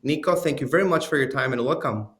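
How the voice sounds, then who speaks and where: Moderator, adult man, mid-pitched voice, easygoing questions, filler-heavy. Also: fast talker, a bit bright. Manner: friendly, loose questioning with "you know" fillers. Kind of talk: interview moderation.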